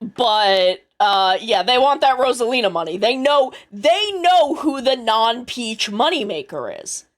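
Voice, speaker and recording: A woman's voice: fairly high pitch, expressive, measured pace, hardly any pauses. A woman streamer chatting casually on a live stream, rambling and thinking aloud, swearing now and then.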